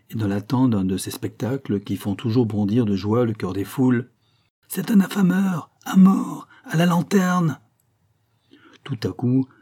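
A man reading a classic novel aloud in a dramatic, measured narration. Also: fairly low pitch, dark tone, husky. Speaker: audiobook reader.

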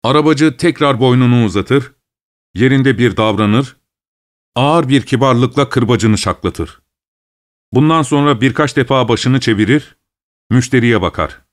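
A man reading a short story aloud in a steady, measured storytelling voice. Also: medium pitch. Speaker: narrator.

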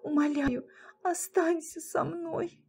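A woman's voice: extremely high pitch, fairly even intonation, slow pace, gravelly, pitched above the performer's own voice, heavily acted. Woman doing a furious grieving young woman. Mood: whispering. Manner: shouts in fury, then whispers in grief.

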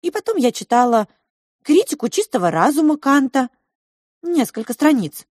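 A woman's voice: sits high, big pitch swings, moderate pace, a little mellow, no room sound, clean studio sound, voice pushed up. A woman voicing a bold, precocious young girl who speaks in a pert, outspoken way.

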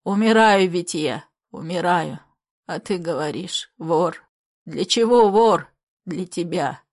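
A woman reading a story aloud, voicing a hoarse, guilt-ridden dying old grandfather who speaks in a despairing, pleading way. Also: lowish voice, takes it slowly, pitched below the performer's own voice.

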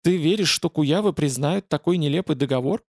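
A man's voice: a little high, fairly quick, a little mellow, no echo, clean studio sound. A man reading as a cold, proud princess. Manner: cool, clipped.

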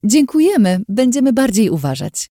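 A woman's voice: medium pitch, big pitch swings, moderate pace, no room sound, clean studio sound, voice pushed up. A woman voicing a cheerful young woman, the narrator's friend, in an audiobook. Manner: bright and eager.

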